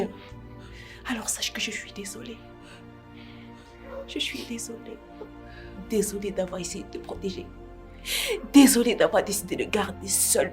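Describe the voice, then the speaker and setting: A woman with a Cameroonian French accent playing a distraught young woman, tearful and pleading, in a web-series drama. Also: a little high. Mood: hurt, subdued. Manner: tearful, pleading, breaking into sobs.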